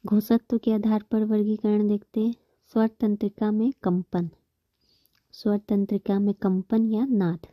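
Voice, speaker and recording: Woman teacher going through grammar rules slow and patient, repeats stuff, dry slightly muffled audio. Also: mid-range voice, little pitch movement, dry recording. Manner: patient, repeats terms and counts examples aloud. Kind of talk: explanatory online lesson.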